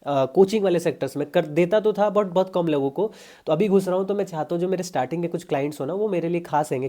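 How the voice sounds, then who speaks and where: A man's voice: on the high side, mellow. A young man, a fitness coach giving casual, chatty diet advice straight to his viewers. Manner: chatty, pushy, addresses viewers as brother.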